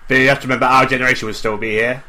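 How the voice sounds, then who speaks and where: A man in casual banter, cutting in bluntly with quick remarks. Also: mid-range voice, flat delivery, pushed and bright.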